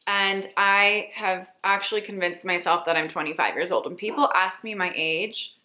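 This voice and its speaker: A woman in her late twenties, a lifestyle blogger chatting through a casual rapid-fire Q&A with a playful, self-teasing manner. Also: medium pitch, pushed and bright, reverberant. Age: late 20s.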